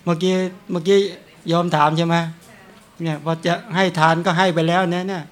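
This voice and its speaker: Monk, man, relaxed storytelling sermon, slightly higher voice. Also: fairly quick, smooth. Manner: chatty, tells anecdotes with frequent chuckles. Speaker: Buddhist monk. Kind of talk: dharma talk with storytelling.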